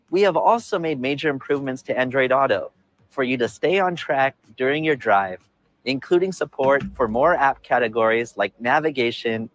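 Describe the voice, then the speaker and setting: A man in his forties delivering a scripted tech keynote presentation outdoors on a city rooftop, upbeat and measured. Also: medium pitch, a bit bright.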